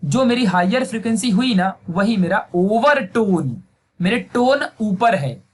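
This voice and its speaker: A young man teaches physics in a Hindi classroom video, chatting casually and repeatedly asking checks like "samajh gaya?" to make sure students follow. His voice sits high with a breathy edge, lively intonation and an unhurried pace. Faint background noise is audible.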